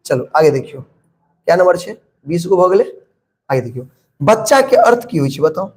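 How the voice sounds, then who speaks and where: A man's voice: high-pitched, big pitch swings, moderate pace, a little mellow. Man teaching. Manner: asks questions and answers them himself; repeats key words, checks understanding. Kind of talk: exam-prep lesson.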